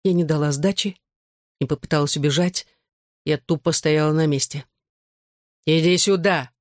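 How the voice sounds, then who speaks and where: A woman narrating a novel in the first person, measured and tense. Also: low-pitched, steady tone, a little mellow, no echo, clean studio sound. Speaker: audiobook narrator.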